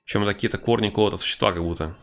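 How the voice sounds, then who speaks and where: A man's voice: fairly low pitch, racing, creaky. A man giving casual, wry commentary on a horror game playthrough, with mock-tough banter. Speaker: game streamer.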